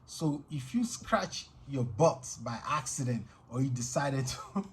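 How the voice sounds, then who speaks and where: A middle-aged Nigerian vlogger with a Nigerian accent tells a personal story to camera in an animated, medium-pitched voice at a measured pace. He is earnest and uses "you know" often, growing intense when he relives the danger.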